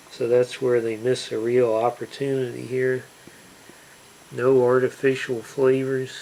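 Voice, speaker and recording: A man hosting a casual food review to camera, speaking in a deliberate, emphatic way with drawn-out words. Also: medium pitch, a little hiss or hum, poor audio. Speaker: snack review channel host.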